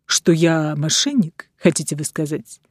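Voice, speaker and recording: A woman reading the part of a cold, mocking nobleman, a card gambler and duelist, in a quiet, measured, icily sarcastic voice. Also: sits low, animated, slightly rough, dry recording, clean studio sound, exaggerated voice.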